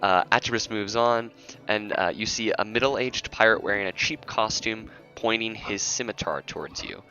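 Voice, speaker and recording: Male game master, teasing narrator, low voice with a bright, forceful edge; muffled lo-fi audio, faint music. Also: normal speed. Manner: laughing, teasing, self-interrupting.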